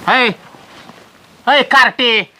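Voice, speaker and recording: A woman's voice: on the high side, slow pace, pushed and bright. A woman playing an angry middle-aged village father who scolds his daughter indignantly. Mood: scolding. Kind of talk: comedy sketch acting.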